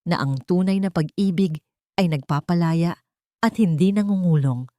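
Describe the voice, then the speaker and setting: A female storyteller with a fairly low, dark voice narrates a scripted romantic drama like an audio storybook, her phrasing measured and sentimental. The recording is dry and close-miked with no echo.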